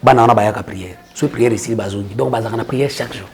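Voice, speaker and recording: A man's voice: on the low side, quick pace, darkish tone. A man, a church prophet explaining his work in an earnest casual interview. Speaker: church prophet and orphanage founder.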